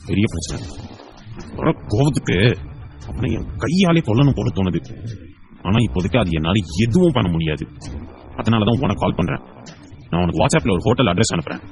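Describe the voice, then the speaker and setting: Furious protective young man, low seething tone, read by a man. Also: big pitch swings, brisk, pauses often, slight background noise. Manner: low, tight, seething delivery. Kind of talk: audio drama reading.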